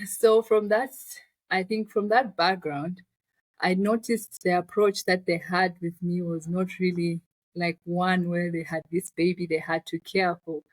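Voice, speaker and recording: A woman with a Zambian accent, founder of a finance business, recounts her personal story in a reflective, conversational interview. Her pitch is fairly low, and the audio is poor but free of echo.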